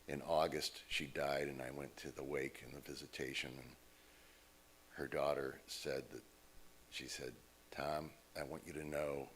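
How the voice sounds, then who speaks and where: With an extremely low yet bright and forceful voice, an American guest speaker at a church service shares stories from the pulpit in a relaxed, conversational manner, quoting other people's voices along the way. A little hiss or hum can be heard.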